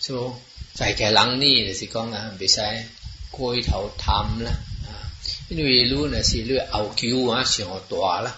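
A man talking casually and at length, rambling along with many fillers and switching between languages. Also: lowish voice. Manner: rambling, mixes in Chinese and English words, many "ah" fillers. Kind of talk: casual explanatory talk. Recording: muffled, roomy, noisy recording.

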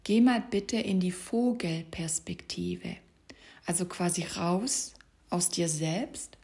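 A woman coaching the listener in a soft, partly whispered voice. Her voice sits a little low. She gives calm, direct instructions, speaking straight to one person. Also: slow, gravelly. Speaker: life coach. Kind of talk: motivational coaching talk.

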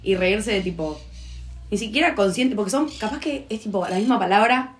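A young Argentine woman with a Buenos Aires Rioplatense accent. She co-hosts a casual podcast, telling stories in a chatty, slangy way at an ordinary pitch. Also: normal speed. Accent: Buenos Aires Rioplatense Spanish. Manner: chatty anecdotal storytelling, slangy and animated. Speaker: podcast co-host. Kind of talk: casual chat.

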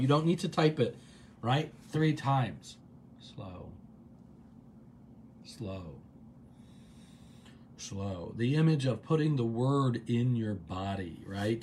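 A man hosting a guided gratitude practice on a livestream from his office, calm and unhurried, repeating words in a soft, low voice. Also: a little hiss or hum. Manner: calm, drawn-out repetitions dropping soft and low. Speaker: meditation host.

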